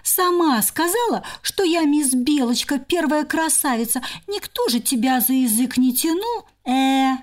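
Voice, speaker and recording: High, teasing storybook squirrel girl, vain and smug, put on by a woman. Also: animated, a little slow, few pauses.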